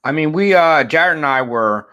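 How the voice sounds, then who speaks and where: A man co-hosting a sports podcast, talking in a relaxed, measured, thoughtful way. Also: on the high side, clear, resonant tone. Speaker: podcast co-host. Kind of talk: casual sports podcast chat.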